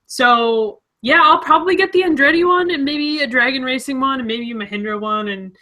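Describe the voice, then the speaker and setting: A chatty woman co-hosting a podcast in an excitable, giggly way. Her voice is bright and a little high, with plenty of energy in casual banter. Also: brisk. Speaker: podcast co-host. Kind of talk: casual chat.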